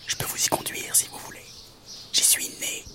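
A man voicing a tiny praying mantis in a children's audio story, speaking in a breathy whisper. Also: moderate pace, lightly acted. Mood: mysterious.

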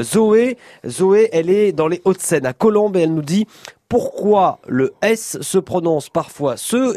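A man hosting a live call-in radio show from a studio, lively and jokey with his guest. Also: fairly high pitch, dry recording. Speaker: radio host.

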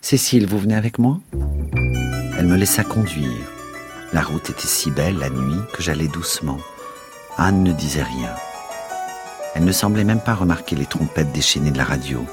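A male radio host reads a novel aloud in a steady, expressive style. His voice is extremely low. Faint music plays quietly underneath. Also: moderate pace. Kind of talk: literary reading on radio.

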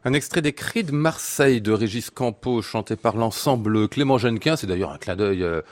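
Playful male radio host, lively pitch. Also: normal speed. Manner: playful, laughing, lively questions. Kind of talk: live radio talk show. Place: live public broadcast in a hotel.

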